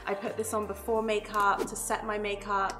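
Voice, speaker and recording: A woman's voice: mid-range voice, monotone, moderate pace, fairly bright tone, faint music behind. A British woman, a makeup artist, chatting as a guest in a friendly, enthusiastic way. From Britain. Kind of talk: casual chat.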